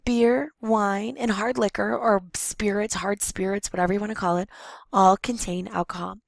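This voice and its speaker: A woman teacher with a hoarse, gravelly voice talks through a slide lesson for her students. She explains plainly, stopping for ums and fixing her own words. The recording is close and dry. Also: mid-range voice, dry recording, rough recording. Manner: explanatory, with frequent ums and self-corrections. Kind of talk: recorded classroom lecture over slides.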